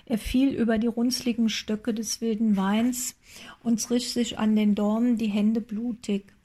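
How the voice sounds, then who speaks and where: A woman reading a story aloud in calm, measured scripted narration. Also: a little high.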